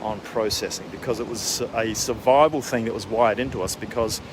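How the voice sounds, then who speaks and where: Man coaching casually over loud outdoor wind. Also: lowish voice, fairly even intonation, brisk. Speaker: wellness coach for executives. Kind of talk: casual spoken advice vlog. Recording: windy outdoor mic, boat and water noise.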